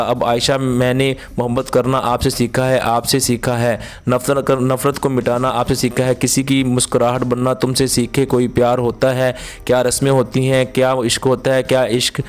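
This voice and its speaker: A man's voice: medium pitch, level tone, normal speed, few pauses, clean tone, close to an everyday voice. A man voicing a persistent, cheeky young man pleading his love in an office. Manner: pleading, affectionate.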